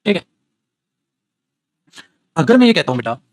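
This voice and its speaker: A lively man teaching a grammar class. His voice sits high and swoops about as he jokes with the students. The close, dry recording has no room sound. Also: measured pace, no echo. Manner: animated, teasing, calls students beta. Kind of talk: classroom grammar lesson in Hindi.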